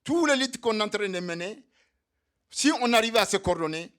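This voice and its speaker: In a meeting hall at a solidarity evening, a man delivers a militant speech to comrades on behalf of undocumented migrants, repeating his points to rally the room. His voice is high, expressive, and fairly bright, at normal speed.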